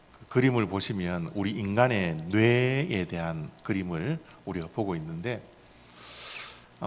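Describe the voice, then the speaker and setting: A man preaching from the pulpit with a lively, rising and falling delivery. He asks his congregation questions as he goes. His voice carries a long reverb from the church hall. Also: fairly low pitch. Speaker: pastor. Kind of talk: sermon. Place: church sanctuary.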